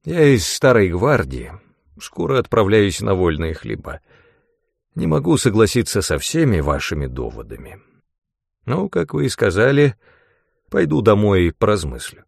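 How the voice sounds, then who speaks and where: Narrator doing a husky, gravelly old-guard cop, low and gruff. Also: male voice, huge pitch swings, normal speed, darkish tone, no room sound, studio quality, heavily acted. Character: heavyset gray-haired old male police officer near retirement.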